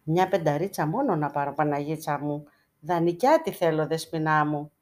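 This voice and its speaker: In a deep, natural voice, a woman portrays a poor village man who pleads for coins in front of church icons. He wheedles and coaxes, sprinkling in endearments.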